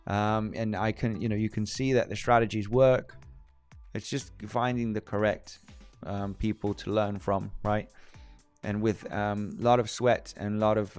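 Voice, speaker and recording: Male livestream host, deepish clean voice, rambly, soft music behind. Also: clean tone. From Spain. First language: Spanish. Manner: rambling, frequent restarts, reads viewer comments aloud. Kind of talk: casual livestream chat.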